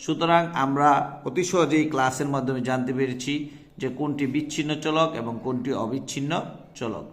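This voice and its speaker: A man's voice: medium pitch, a little fast. A man in his thirties with a Bangladeshi Bengali accent, teaching an exam-prep math lesson and explaining step by step, repeating the key rules. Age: 30s.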